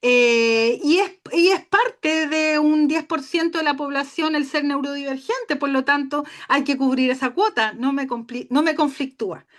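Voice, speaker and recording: Woman, high voice, tired, shrill, emphatic, video call. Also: fairly bright tone. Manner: passionate, emphatic, with fillers. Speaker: guest speaker. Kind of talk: webinar talk.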